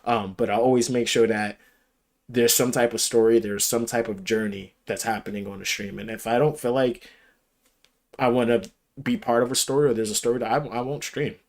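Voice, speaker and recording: A man's voice: mid-range voice, steady tone, fairly quick, darkish tone. A man being interviewed on a casual podcast, explaining his routine in a rambling, thoughtful way with many fillers. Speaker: streamer guest.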